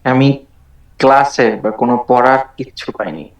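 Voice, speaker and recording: A man's voice: medium pitch, a little slow. A man taking part as an adult student in an online class, giving brief, careful answers over a video call. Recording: dull, roomy, distant call audio.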